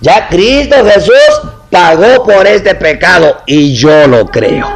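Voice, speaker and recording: A man's voice: high voice, expressive, slow, slightly rough, low-quality recording. A man preaching a sermon in a conversational way, acting out little quotes and asking the congregation questions.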